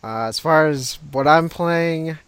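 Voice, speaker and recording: A man's voice: fairly high pitch, takes it slowly, a bit bright, clean tone, no echo. A man hosting a casual video game podcast, upbeat and laughing often, with loose fillers. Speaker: podcast host.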